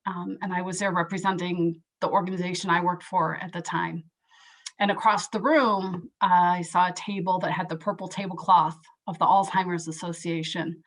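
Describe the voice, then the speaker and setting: A woman as an interview guest, giving a candid, earnest personal account and pausing often with soft hesitations. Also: fairly low pitch, little pitch movement. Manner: earnest, reflective, pauses with soft "um"s.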